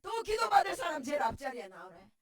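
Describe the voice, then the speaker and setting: A middle-aged woman pastor with a Gyeongsang accent gives a tearful testimony sermon, often breaking into shouts. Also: high-pitched, very animated, fast. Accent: Gyeongsang dialect. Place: church sanctuary. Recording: voice distant from the mic.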